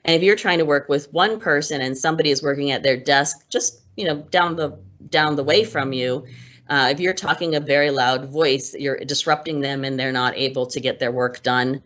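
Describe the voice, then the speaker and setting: A presenter with a mid-range, fairly bright voice at normal speed explains workplace manners in a casual instructional talk. The delivery is conversational, full of ums and restarts, and the recording is muffled and lo-fi.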